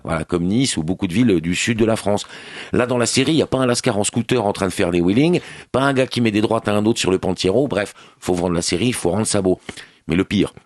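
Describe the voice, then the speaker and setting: A man delivering a scathing radio TV review with slangy sarcasm. His voice is low and the studio sound is dry and close. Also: no room sound. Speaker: TV critic columnist on a radio morning show.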